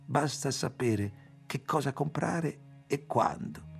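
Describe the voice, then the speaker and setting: A man's voice: mid-range voice, animated, slow, creaky, faint music behind. A man reading aloud as a self-assured young man who boasts about business schemes. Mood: boastful.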